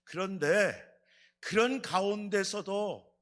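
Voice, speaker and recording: A man's voice: high-pitched, slow pace, a bit bright. A man preaching a Friday night revival sermon in a church. He keeps putting questions to the congregation and acts out quotes as he goes. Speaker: pastor. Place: church sanctuary.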